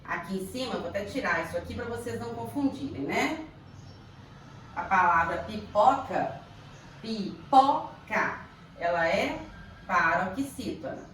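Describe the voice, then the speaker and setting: A Brazilian woman teaches young pupils a grammar lesson. She speaks slowly and deliberately, stretching words out to sound their syllables. Her voice comes from a distance in a very echoey room with faint ambient noise. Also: mid-range voice, lively intonation, a bit bright. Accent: Brazilian Portuguese. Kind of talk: primary school grammar lesson.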